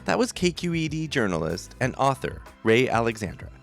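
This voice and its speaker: Brief: male host, mid-pitched, very animated intonation, loose and curious. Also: brisk, vocal fry, music in the background. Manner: curious and playful, swears casually. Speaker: podcast host. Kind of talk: casual interview chat.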